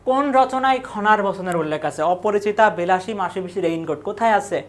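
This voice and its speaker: A woman's voice: mid-range voice, fast talker. Woman teacher talking through exam answers. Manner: asks questions and answers them herself; repeats key words and lists. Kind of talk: exam-prep lecture.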